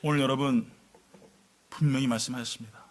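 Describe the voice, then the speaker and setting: A man preaching a sermon as pastor, telling a story dramatically, swinging between loud exclamations and hushed low tones. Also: fairly even intonation, fairly quick. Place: church sanctuary.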